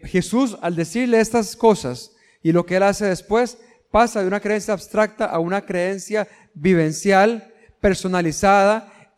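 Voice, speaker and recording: A man's voice: high-pitched, long reverb tail. A man preaching a sermon, speaking earnestly, questioning his listeners directly and building to emphatic peaks.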